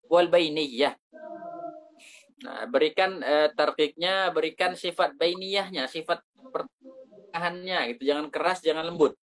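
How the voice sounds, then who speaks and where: Man teaching Quran pronunciation. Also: fairly high pitch. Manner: explains slowly, demonstrating Arabic sounds then translating into Indonesian. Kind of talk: teaching Arabic letter pronunciation.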